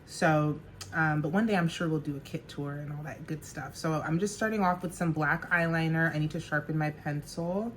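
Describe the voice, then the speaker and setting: A woman's voice: low-pitched, fairly even intonation, moderate pace, slight background noise. A woman in her thirties from New Jersey, chatting casually and laughing often while doing her makeup at home. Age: 30s. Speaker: makeup artist and vlogger. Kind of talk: casual get-ready-with-me chat.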